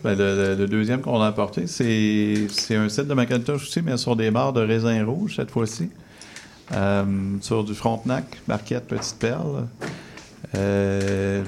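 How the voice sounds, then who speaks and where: Gravelly-voiced Québécois man, hesitant. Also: on the low side, darkish tone, slight background noise. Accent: Québécois French. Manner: hesitant, many fillers. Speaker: cider maker guest. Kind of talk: radio interview. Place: radio studio.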